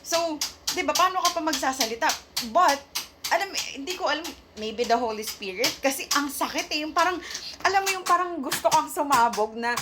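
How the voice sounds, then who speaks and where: Woman, high voice, emotional testimony, halting, near tears, faint background noise. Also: expressive. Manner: halting, searching for words, mixing English into her talk. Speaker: vlogger sharing a faith testimony. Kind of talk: emotional casual testimony to viewers.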